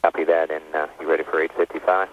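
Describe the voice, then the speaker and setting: A man's voice: a bass voice, level tone, a little hiss or hum. A man working as launch test conductor, giving clipped procedural checklist call-outs over a narrowband radio comm loop on a headset. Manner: brisk procedural checklist talk.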